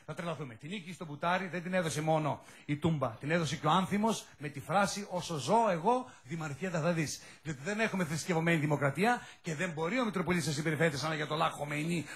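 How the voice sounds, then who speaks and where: A man's voice: on the high side, a bit bright. A man hosting a satirical news show, mocking politicians in a chuckling monologue. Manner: mocking, chuckling asides to the audience; talks down to others in mock sympathy.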